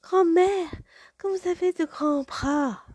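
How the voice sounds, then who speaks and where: A woman voicing a little girl in a storybook tale, in a high, childlike tone. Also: slow pace, a little mellow, no room sound. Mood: wondering.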